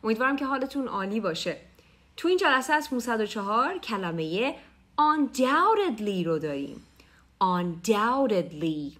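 A woman from Iran, a native Persian speaker, teaching English vocabulary in Persian, with cheerful asides and slow, drawn-out English examples. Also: fairly high pitch, sing-song, fairly bright tone. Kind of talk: bilingual vocabulary lesson.

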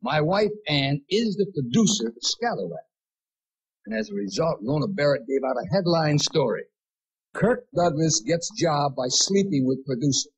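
A man's voice: fairly high pitch, big pitch swings, normal speed, slightly rough, rough recording. A man in his fifties, guest of honor, giving a self-mocking comic roast speech on a 1970s TV show. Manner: punchy, self-mocking timing. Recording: 1970s TV broadcast, audience laughter.

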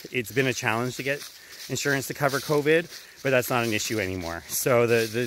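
Strolling through autumn woods, a mid-range-voiced man chats through a relaxed vlog update about his travels. He films on a phone at arm's length with earbuds in, and the outdoor recording carries background noise.

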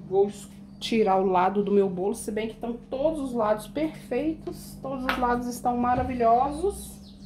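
Her pitch is fairly high and her speed normal, though the background is noisy. The woman decorates a cake at home in a casual baking tutorial, talking chattily to viewers she calls "gente" and explaining each stage.

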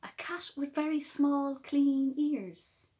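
With a high voice and a slow pace, a woman tells a picture-book story to young children, her delivery expressive and full of emphasis.

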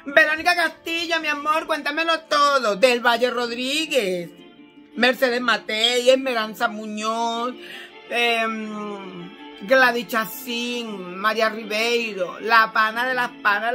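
A middle-aged woman from Caracas with a Venezuelan accent, hosting a casual live chat from her living room, animated and affectionate with her listeners. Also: fairly high pitch. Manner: animated and chatty, calls listeners "my love". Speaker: host. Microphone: phone at arm's length.

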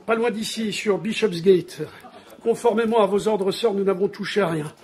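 An actor playing a dutiful, formal informant who serves an Elizabethan gentleman in a radio drama. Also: high voice, normal speed, lightly acted. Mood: dutiful, reporting. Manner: deferential, formal. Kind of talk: French radio drama acting. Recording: lively crowd behind the voice.

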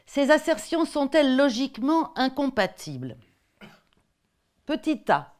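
A woman's voice: sits high, sing-song, unhurried. Hesitant French woman giving a lecture. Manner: conversational, hesitant with repeated words. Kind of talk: academic talk presenting textbook excerpts.

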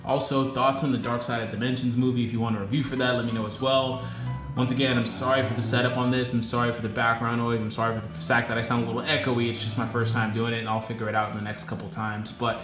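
A man's voice: mid-range voice, flat delivery, quick pace. A man doing a casual unboxing vlog, listing off names and adding apologetic asides, recorded with an echoey room sound. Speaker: YouTuber unboxing trading cards. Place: indoor home room with echo. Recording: echoey room with music behind.

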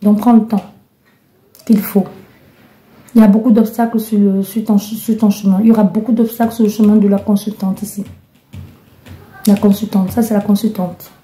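This woman from Belgium reads tarot cards in an echoey room, her medium-pitched voice level and dark, at normal speed with frequent pauses. She's impassioned, speaks directly to the listener, and restarts often while giving spoken card-reading guidance.

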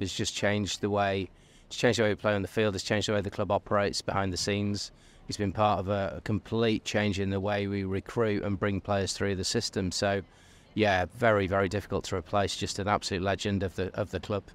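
Low-voiced middle-aged man, measured and hesitant. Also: flat delivery. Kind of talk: street vox pop interview. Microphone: handheld interviewer's microphone.

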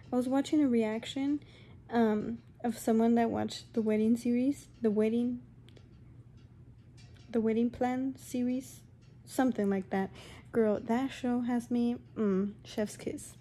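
A woman rants to her camera from home, with a deep, mellow timbre pitched a touch high. She sounds exasperated and circles back over the same points, and she keeps calling the viewer honey. Her intonation stays fairly flat. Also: a little hiss or hum. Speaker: vlogger. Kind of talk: casual rant to camera.

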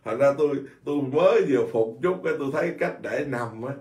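A man's voice: mid-range voice, fast, roomy sound, recorded from a distance. A man, a Buddhist monk, giving an informal dharma talk in a blunt, scolding way, repeating himself often. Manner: blunt, scolding, animated with many repetitions.

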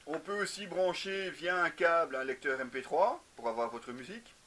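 His voice sits on the high side and sounds pushed and bright, moving at a moderate pace. He's a motorcycle gear reviewer in his thirties, speaking casually to camera in a shelved indoor garage and hesitating frequently as he explains products.

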